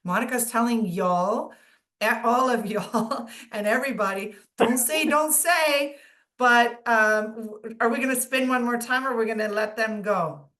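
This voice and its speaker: A webinar co-host, a woman with a fairly high, slightly bright voice, speaks at a moderate pace over a video call mic. She's chatty and giggly, joining in on game-show-style banter.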